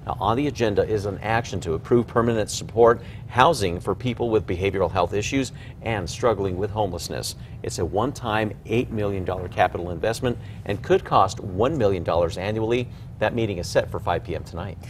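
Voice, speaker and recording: A man's voice: lowish voice, brisk, a little hiss or hum. A man anchoring television news, reading scripted stories.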